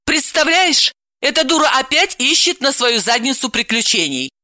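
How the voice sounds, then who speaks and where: Woman doing a shrill, furious young woman. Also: sing-song, moderate pace, pushed and bright, no echo, studio quality, heavily acted. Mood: scolding. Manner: shrill, scolding, indignant. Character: hot-tempered irritable young woman.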